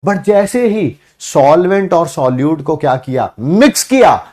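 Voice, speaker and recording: Animated joking male teacher. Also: fairly high pitch, measured pace. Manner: animated, jokey, asks class questions. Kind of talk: classroom lecture.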